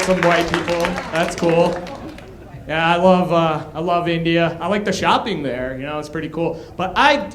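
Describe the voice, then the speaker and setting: High-voiced man doing stand-up. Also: a little hiss or hum. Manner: loud, punchy delivery with crowd work. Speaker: stand-up comic. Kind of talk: stand-up comedy set. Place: comedy club stage. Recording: echoey club room. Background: audience laughter.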